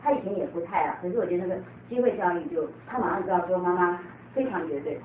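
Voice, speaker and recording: Fast-talking woman, far off in an echoey room. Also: lowish voice, expressive. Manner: hesitant restarts, storytelling. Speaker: parent in audience. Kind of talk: sharing experience in a group talk. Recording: distant, echoey, tinny with noise.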